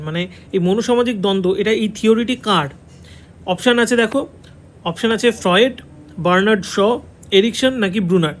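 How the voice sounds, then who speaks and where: A man with a Bengali accent teaching an online exam-prep lesson, repeating the key answers and checking in with his students. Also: sits high. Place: classroom with a board.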